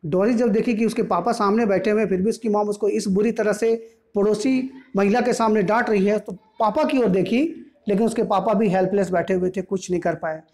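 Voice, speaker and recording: A man's voice: sits high, steady tone, fairly quick, a little mellow. A male teacher explaining a play, retelling and clarifying each line as he goes. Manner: retells each line in mixed Hindi and English, repeating and clarifying.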